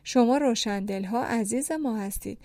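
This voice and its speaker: A woman's voice: a little high, darkish tone, no room sound, close to an everyday voice. A woman voicing a shop manager with a childlike voice who speaks sweetly and condescendingly.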